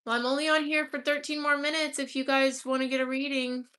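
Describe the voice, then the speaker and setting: A woman's voice: high-pitched, flat delivery, fast, pushed and bright. A woman chatting casually on a live stream at home, rambling fondly and talking to her houseplants. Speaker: livestreamer offering paid personal readings. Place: her own home, indoors.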